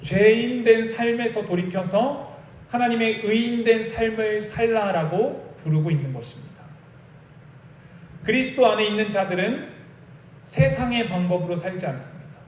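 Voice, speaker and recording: Korean pastor preaching in an echoey room. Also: male voice, sits high, normal speed, far from the mic, a little hiss or hum. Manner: conversational storytelling preacher, acts out dialogue. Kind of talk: sermon. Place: small church sanctuary.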